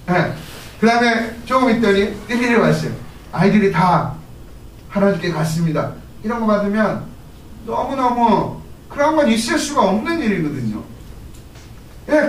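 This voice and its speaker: High-voiced man preaching in an echoey hall. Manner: animated storytelling with rhetorical questions to the congregation. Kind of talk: sermon. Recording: echoey hall, mic at a distance, faint noise.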